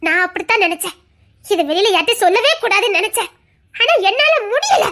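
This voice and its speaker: Audio drama: woman playing a squeaky, piercing young wife, hurt and pleading. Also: big pitch swings, fast talker, heavily acted. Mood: resentful. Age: young adult. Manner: tearful, pleading, rising to shouts.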